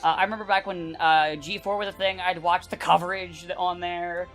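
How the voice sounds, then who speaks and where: A woman casually commenting on a fighting game as she plays, animated and swearing freely. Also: fairly low pitch, fairly quick, soft background music. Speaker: let's play commentator. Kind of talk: casual gaming chat.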